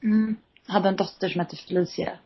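A woman with a husky voice, reminiscing in casual chat and laughing often. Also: mid-range voice, steady tone, slight background noise. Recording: slightly dull lo-fi sound.

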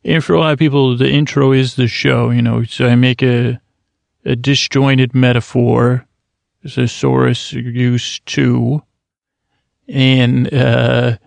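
A man hosts a sleep podcast on a close studio mic with no room sound, his mid-range, creaky voice moving slowly with little pitch change. He rambles and drifts off topic, often stopping and restarting, meandering, interrupting himself, and over-explaining.

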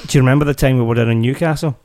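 A man's voice: mid-range voice, fairly even intonation, rapid-fire, a little mellow. A man with a Glaswegian accent, co-hosting a casual parenting podcast and joking around. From Scotland. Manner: jokey, puts on silly accents, laughs often. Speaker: podcast co-host. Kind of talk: casual chat.

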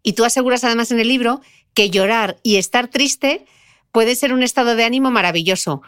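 A podcast host with a fairly high voice. She poses questions to her guest and keeps an inquisitive, lightly teasing tone. Her speech comes across as conversational. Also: a little fast, fairly bright tone, clean tone.

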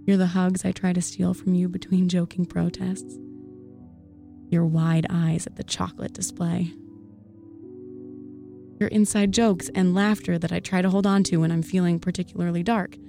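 Give me a woman reading a love poem aloud, earnest and soft, with a warm, low voice and light music behind her. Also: level tone, moderate pace, gravelly, long pauses. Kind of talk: spoken-word poetry reading. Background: faint background music.

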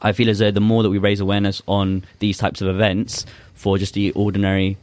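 A young poet guest with a deep, flat voice chats casually and performs spoken-word poetry. Urdu is his first language, and he speaks earnestly but haltingly, with many fillers.

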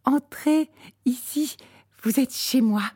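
A woman's voice: high voice, slow, a little mellow, breathy edge, pitched above the performer's own voice, full character voice. A woman voicing a little girl who is small, hopeful and brave, speaking in a small, eager voice in a read-aloud storybook. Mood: lively.

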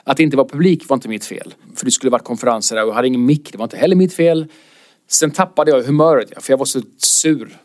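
A man, a comedian, telling an anecdote in casual chat and acting out quotes with sudden high-pitched outbursts. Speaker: comedian guest.

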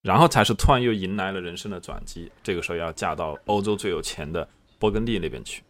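A man's voice: sits low, fast, fairly bright tone. A man hosting a casual interview, explaining and summing up in everyday language before prompting the guest. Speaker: interviewer and host.

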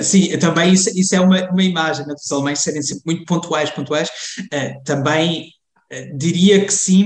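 A man speaks as a guest in a conversational interview, his voice on the higher side for a male. He feels his way through sentences, doubling back and rephrasing, and the room adds a clear echo. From Germany, of Portuguese family. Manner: hesitant, halting, self-correcting, often restarting. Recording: roomy, echoing sound.

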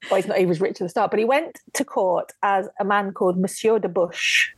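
A woman's voice: medium pitch, brisk, husky, no room sound. A woman, a guest author, telling history in a casual podcast interview and acting out quotes as she goes. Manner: lively storyteller who acts out quotes.

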